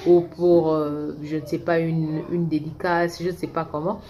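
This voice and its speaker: A middle-aged woman from Congo tells a personal story to her viewers in a low voice. She is chatty and often breaks off to restart a sentence. A faint hum of background noise sits under the recording. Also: flat delivery, measured pace, mellow. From Congo (Kinshasa). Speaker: vlogger. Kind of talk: casual storytime monologue.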